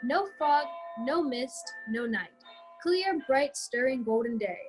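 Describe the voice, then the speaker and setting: A female narrator with a slightly husky voice reading a scripted dramatic story. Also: sits high, lively intonation, slow, music in the background, low-quality recording.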